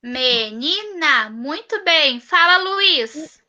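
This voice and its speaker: A woman with a Brazilian Portuguese accent teaching an online class to young children, patiently repeating each answer slowly and praising it, heard through a computer mic on a video call. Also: high-pitched, animated, sharp tone, lo-fi sound. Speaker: primary school teacher.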